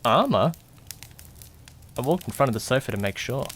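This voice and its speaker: Here a man of medium pitch uses lively intonation and a somewhat bright, natural voice at a normal speed, with some hiss or hum behind him. He narrates an amateur mystery audio drama in first person as the jittery, curious young companion of a detective. Questioning asides build a suspenseful, curious atmosphere.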